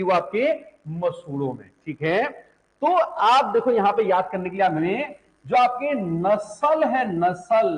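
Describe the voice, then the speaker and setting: A young adult man teaching a class, asking students questions, answering them himself and repeating syllables aloud. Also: high-pitched. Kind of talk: classroom lecture on Hindi phonetics. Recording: echoey classroom.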